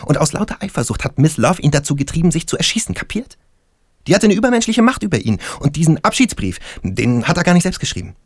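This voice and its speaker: Man voicing a young stoner stonemason, crude, excitable, blustery, pitched higher, dry close sound. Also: quick pace, few pauses, no room sound, full character voice. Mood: conspiratorial. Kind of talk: audiobook character voice.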